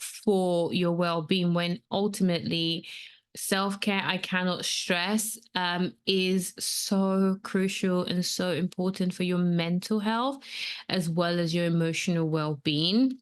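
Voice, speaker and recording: A woman in her thirties who grew up in Nigeria talks through a solo podcast episode. Her voice sits a little low, and she speaks earnestly and casually, with plenty of ums and likes as she thinks aloud. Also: steady tone, slow, smooth. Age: 30s. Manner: earnest, conversational, many fillers. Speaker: podcast host and coach.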